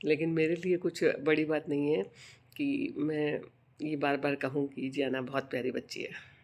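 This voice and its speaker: An older woman vlogging in casual chat, telling fond stories about her granddaughter and raising her pitch to imitate the child. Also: little pitch movement, normal speed, darkish tone.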